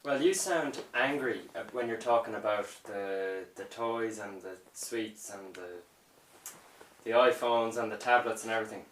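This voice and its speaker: A man's voice: lowish voice, fairly bright tone. Man interviewing, echoey and distant. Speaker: podcast host, interviewer. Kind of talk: conversational interviewing.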